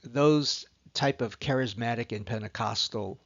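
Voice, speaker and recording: Pausing frequently, a middle-aged man from Southern California earnestly and carefully introduces himself as the instructor of a recorded course lecture. His voice is medium-pitched and the audio sounds dull.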